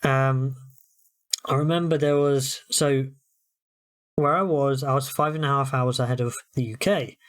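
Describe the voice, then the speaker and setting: A British man on a sports podcast talks in a relaxed, chatty way. His pitch sits in the middle range, and he drifts easily into telling stories. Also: unhurried, clear, resonant tone. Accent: British English. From United Kingdom. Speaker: podcast co-host. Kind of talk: casual sports chat.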